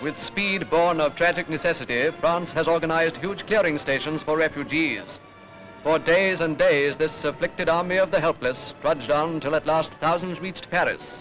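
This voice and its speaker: Old newsreel announcer: British man, fairly high voice, formal and rhetorical, music running behind him. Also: normal speed, poor audio. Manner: formal, rhetorical, declamatory delivery. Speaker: newsreel narrator. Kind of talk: 1940s British newsreel narration.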